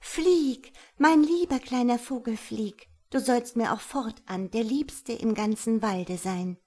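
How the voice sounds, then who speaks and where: A woman voicing a gentle, earnest holy child who pleads sweetly for help. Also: a little high, measured pace. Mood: pleading.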